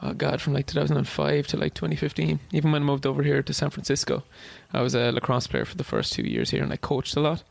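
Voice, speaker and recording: A man's voice: medium pitch, animated, quick pace, creaky, few pauses, no echo. An Irish man in his thirties, chatting as a podcast guest, rambling with restarts and casual swearing. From Ireland. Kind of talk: casual interview chat.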